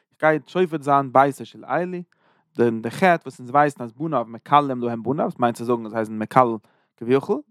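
A man's voice: no room sound, studio quality. A man retelling a scripture passage as a religious teacher, acting out the quoted speech in a raised voice. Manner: storytelling, acts out quoted speech with lifted pitch.

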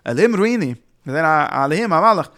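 A man giving a Torah lecture with an animated, chant-like delivery, repeating words and breaking into sudden loud bursts. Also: a little high, very fast. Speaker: Torah teacher. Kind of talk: Yiddish-inflected Torah lecture.

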